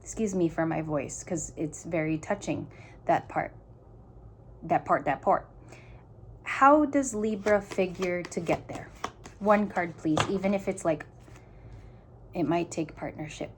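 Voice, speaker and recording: A woman's voice: fairly low pitch, lively intonation, measured pace, long pauses, a little hiss or hum. A woman giving a casual tarot reading to her viewers, thinking aloud in stop-start phrases and talking earnestly straight to the listener. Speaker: tarot reader.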